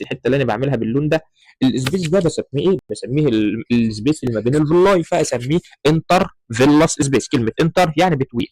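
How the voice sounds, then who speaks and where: A man's voice: medium pitch, a little mellow, no echo, low-quality recording. A man with an Egyptian Arabic accent explaining embryology slides to medical students, often calling the listener "doctor" and mixing in English terms. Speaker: medical lecturer.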